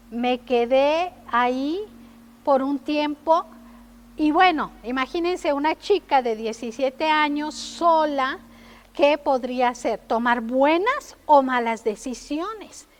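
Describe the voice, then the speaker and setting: A woman preaching a sermon. She tells stories and keeps asking her listeners questions. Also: high voice. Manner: storytelling, addresses listeners with questions.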